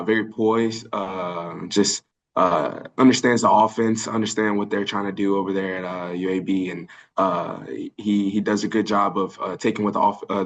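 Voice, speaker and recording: Low-voiced young man fielding press questions. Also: muffled recording. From Birmingham, Alabama. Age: early 20s. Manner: earnest, many "uh" fillers and restarts. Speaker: college football linebacker. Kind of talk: press conference answers. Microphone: video call.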